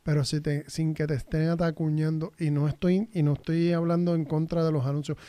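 A man's voice: fairly high pitch, level tone, brisk, mellow, smooth, no echo. A man in a casual chat, rambling and mixing in English words.

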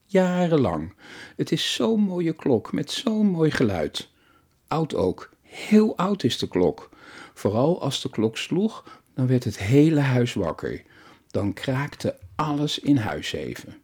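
A man voicing a lonely, grieving old widow who speaks gently and reflectively, in an audiobook story. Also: mid-range voice, very animated, slow, husky, pitched above the performer's own voice, full character voice. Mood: wistful.

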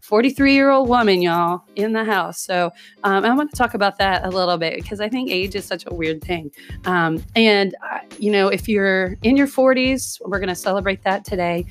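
A woman in her forties hosting her own podcast, chatting casually and directly to her listeners with a hoarse, scratchy voice from a recent illness. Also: medium pitch, normal speed, faint music behind. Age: 40s. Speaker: podcast host. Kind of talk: casual solo podcast monologue.

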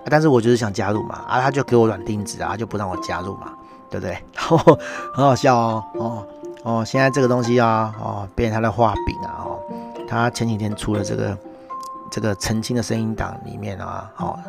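A man's voice: on the low side, steady tone, brisk, creaky, music in the background. A middle-aged man with a Taiwanese Mandarin accent, hosting a casual monologue and ranting with sarcastic, mocking asides. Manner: sarcastic, mocking rant with constant tag particles. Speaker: podcast host.

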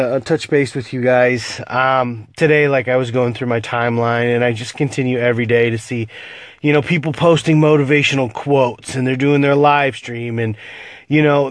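A man's voice: medium pitch, no room sound. A man with a stuffy, nasal voice from a cold, talking earnestly to his viewers in a casual vlog and repeating himself as he warns them. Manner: earnest, cautionary, repeats words and restarts.

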